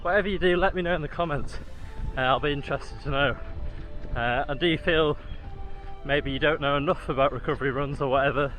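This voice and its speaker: A man's voice: fairly high pitch, brisk, fairly bright tone, faint music behind, low-quality recording. A man chatting casually to his viewers while he jogs outdoors. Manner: talking while jogging. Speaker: running vlogger. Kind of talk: casual vlog talk to viewers. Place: outdoors, on a run.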